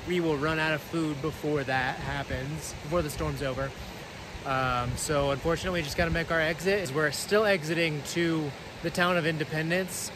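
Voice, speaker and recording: A man's voice: a little high, background noise. A man in his thirties vlogging a hike, talking into a phone held at arm's length, with many fillers and restarts. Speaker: hiking vlogger. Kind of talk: casual vlog narration. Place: outdoors on a mountain trail, later indoors in a room.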